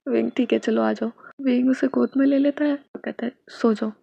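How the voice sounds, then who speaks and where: A woman's voice: a little high, steady tone, normal speed, vocal fry, mellow, no room sound. A woman narrating a romance fan fiction story, reading every character's lines herself and sometimes dropping to a whisper.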